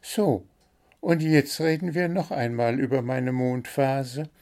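A man's voice: mid-range voice, takes it slowly, darkish tone, voice pushed up. A man voicing a cheeky, greedy little blue male bird that pesters for sweets. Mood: scheming. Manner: demanding, sweet-toothed, pestering.

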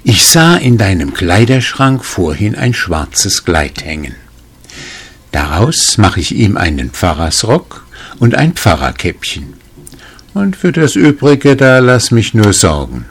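A crafty, bold village tailor from a storybook folk tale, put on by a male reader. He speaks slyly with sudden indignant exclamations, voice raised higher and louder than the reader's own. He sounds quick and scheming. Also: big pitch swings, slightly rough, heavily acted.

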